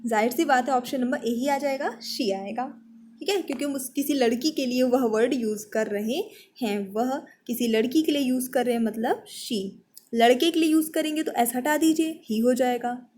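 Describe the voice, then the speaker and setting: A woman teaching an online exam-prep class. She quizzes briskly, reads each question out slowly, then explains the answer step by step. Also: sits high, darkish tone, slight background noise.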